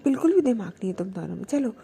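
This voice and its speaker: A woman voicing a bossy older female relative who scolds two young women loudly in a high voice. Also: big pitch swings, very fast, creaky. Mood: scolding. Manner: loud, scolding, high-pitched.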